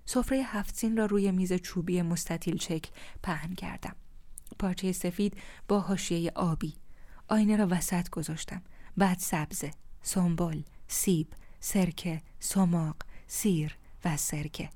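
A woman narrating a first-person story in a calm, measured, contemplative way. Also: on the low side.

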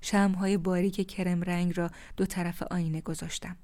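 A woman narrating a first-person story in a calm, measured, contemplative way. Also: lowish voice.

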